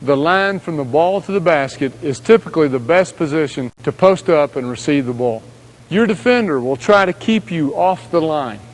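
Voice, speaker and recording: Man, high-pitched voice, coach narrating, calm instructional read, clear direct commands. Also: moderate pace, faint music behind, poor audio. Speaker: basketball coach.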